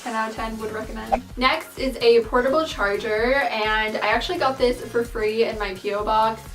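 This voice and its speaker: A woman's voice: a little high, fairly even intonation, moderate pace, a bit bright. An eighteen-year-old woman vlogging casually to camera, chatty and upbeat, full of casual fillers. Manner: chatty, upbeat, lots of "like" and "I really like". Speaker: beauty and lifestyle YouTuber. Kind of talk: casual vlog talk to camera. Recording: roomy sound, mic at a distance, light music behind.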